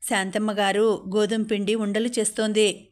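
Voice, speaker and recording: Steady woman audiobook narrator. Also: mid-range voice. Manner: steady, measured reading. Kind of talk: scripted narration.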